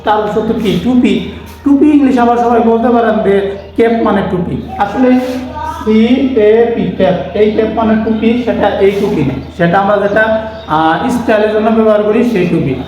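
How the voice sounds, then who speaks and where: In a very echoey room with faint noise, a man with a high-sitting, darkish voice teaches English vocabulary at a brisk pace. He spells every word letter by letter and answers the questions he asks himself.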